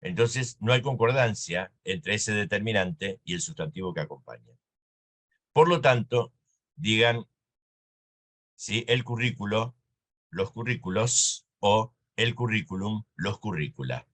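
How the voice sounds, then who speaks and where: A man's voice: fairly low pitch, unhurried, fairly bright tone. Didactic male lecturer with an Argentine accent. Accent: Argentine Spanish. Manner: didactic, checks in with "¿sí?" and "¿eh?". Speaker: university lecturer. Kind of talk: recorded lecture.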